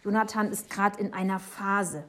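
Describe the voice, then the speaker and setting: Gentle tired dad, calm and reassuring; woman narrator reads him. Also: medium pitch, moderate pace, natural voice. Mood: soothing. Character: worried, gentle father, patient and tired. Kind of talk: audiobook character voice.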